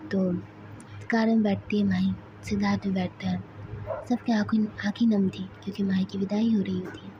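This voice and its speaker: A woman casually narrating a family story, retelling scenes in a steady, even way, on a slightly dull recording. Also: mid-range voice, slight background noise.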